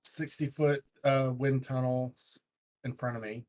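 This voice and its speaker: A man playing in a tabletop game, working out his actions aloud with pauses and restarts. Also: medium pitch, steady tone, a little mellow. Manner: hesitant, thinking aloud over his moves. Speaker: player. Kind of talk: casual tabletop play. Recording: dull lo-fi audio.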